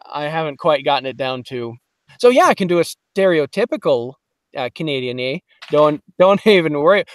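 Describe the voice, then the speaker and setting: A voiceover actor guesting on a podcast, chatting casually and playfully, now and then dropping into character accents. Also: male voice, a little high, clear, resonant tone, no room sound. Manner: playful, slips into character accents mid-story.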